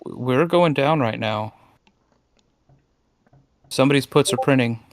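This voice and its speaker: Male trading-stream commentator, measured and explanatory, crisp dry sound with a creaky edge. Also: mid-range voice, dry recording. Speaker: trader co-commentator on a livestream. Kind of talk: casual market commentary.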